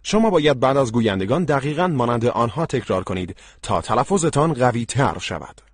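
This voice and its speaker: A male language-course instructor giving scripted explanations at a slow, deliberate pace. His middle-pitched voice rises and falls with lively intonation and is slightly husky. It is recorded dry on a studio microphone. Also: no echo.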